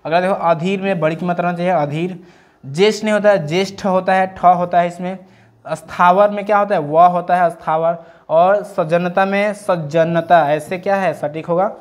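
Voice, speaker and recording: Young male tutor, high voice, exam-prep lesson, keeps quizzing the viewer. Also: steady tone, fairly quick. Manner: drills students with repeated rhetorical questions. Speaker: teacher.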